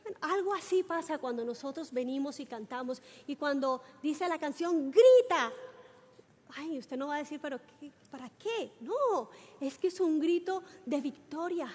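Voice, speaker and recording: A woman preacher giving an animated sermon, talking straight to the congregation and breaking into shouts for emphasis. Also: high voice, normal speed, in a large hall. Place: church sanctuary.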